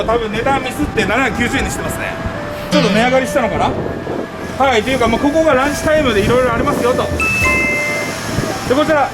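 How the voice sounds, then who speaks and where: A man hosting a casual food vlog, talking excitedly and enthusiastically about a restaurant while out on a city street. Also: extremely high pitch. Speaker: food vlogger host. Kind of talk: casual chatty restaurant review. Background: background music.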